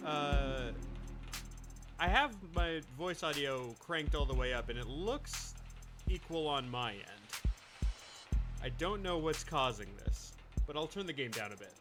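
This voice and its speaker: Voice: mid-range voice, expressive, a little slow, music in the background. A live streamer chatting casually from a home setup, rambling with lots of fillers and restarts. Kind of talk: casual chat.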